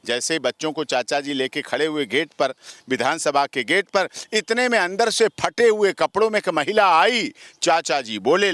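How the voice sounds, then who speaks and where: A man's voice: on the high side, a bit bright, no room sound. A man, a lawyer, giving emphatic comments in an interview and stacking up his points in long repeated lists. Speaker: lawyer guest.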